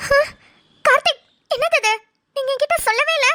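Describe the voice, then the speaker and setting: A woman doing a squeaky nervous young woman. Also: moderate pace, bright, forceful tone, faint music behind. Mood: flustered. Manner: hesitant, stammering, pleading. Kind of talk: cartoon voice acting.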